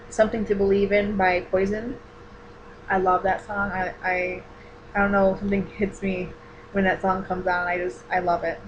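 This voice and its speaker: A woman's voice: mid-range voice, a little hiss or hum, poor audio. A woman in her twenties chatting casually in a vlog, rambling with many fillers and restarts as she answers personal questions. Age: 20s. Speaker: vlogger.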